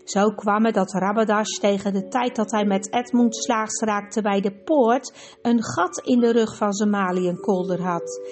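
A woman reading a storybook aloud in a lively, expressive way. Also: medium pitch, a little slow, faint music behind. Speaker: narrator.

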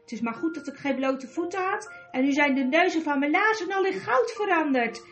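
A woman voicing a bold, quick-witted young boy in a storybook reading, urgent and commanding. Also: sits high, animated, soft background music, voice pushed up. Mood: explaining.

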